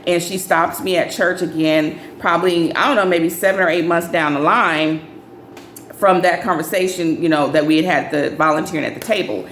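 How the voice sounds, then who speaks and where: A young adult woman recounts a dating story in a relaxed vlog style, her speaking voice sitting on the low side. She jumps up high whenever she quotes someone. The sound is echoey, with a faint hum of ambience behind her. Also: moderate pace. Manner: animated, acts out friends' lines in higher voices. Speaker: storyteller vlogger.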